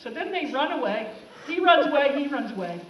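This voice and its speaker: Woman teacher, high voice, sarcastic and animated; far-off, roomy classroom sound. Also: fairly quick, a little hiss or hum. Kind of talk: comic classroom talk over film clips. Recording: echoey room, mic far off.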